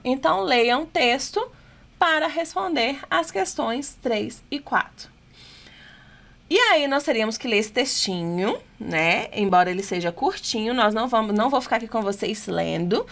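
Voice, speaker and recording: A woman teacher with a Brazilian Portuguese accent and a high voice explains exam questions in a prep lesson. She keeps asking rhetorical questions and reads the English items slowly and deliberately. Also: a bit bright.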